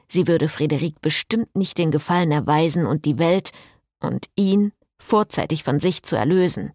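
Woman narrator, audiobook, lively delivery, dry close recording. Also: low-pitched, husky, dry recording. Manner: expressive, wry storytelling.

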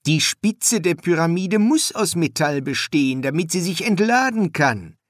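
An earnest young architect's son, as the audiobook narrator puts him on. His voice sits well above the narrator's own, lively and explanatory, in a dry close recording. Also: fairly high pitch, unhurried, no echo, voice pushed up. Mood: earnest explaining. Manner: matter-of-fact, explaining.

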